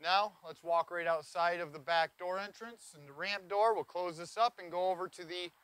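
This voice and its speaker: Touring a camping trailer with enthusiasm, a trailer reviewer in his forties points things out as he walks inside and around a cargo trailer on an outdoor lot, captured by a lapel mic. His voice sits high and is a bit bright and clean, at a moderate pace.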